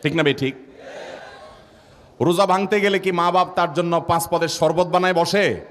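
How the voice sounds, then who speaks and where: Male preacher, high-pitched, vivid storytelling, long hall reverb. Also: fairly even intonation, normal speed, a bit bright, slight background noise. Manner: vivid storytelling with repeated rhetorical questions. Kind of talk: Islamic sermon with storytelling.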